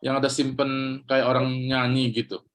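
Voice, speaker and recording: A man leads an online reading class at a middle pitch. He corrects each reader patiently and sings out the tones himself over a video call. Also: level tone, normal speed. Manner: patient, demonstrates tones aloud. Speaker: Chinese reading teacher.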